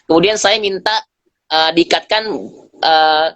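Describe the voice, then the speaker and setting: A man speaking as a guest on a live stream, telling lively stories in slangy casual talk and acting out bits of dialogue. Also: on the high side, measured pace, dry recording. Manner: animated storyteller, acts out dialogue, slangy. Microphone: phone on a live video stream.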